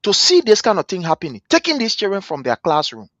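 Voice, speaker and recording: Liberian guy hosting a panel stream, swoopy lively pitch, dry close sound. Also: quick pace, no echo, muffled recording. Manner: lively, rhetorical, addresses panelists as brother. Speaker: host. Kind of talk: livestream panel talk.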